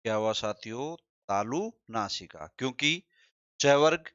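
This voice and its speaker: A man's voice: mid-range voice, animated, fairly bright tone, no echo. A man teaching a Hindi grammar lesson, repeating key terms and quizzing his listeners. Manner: drawn-out, deliberate delivery. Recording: slightly dull, dry sound.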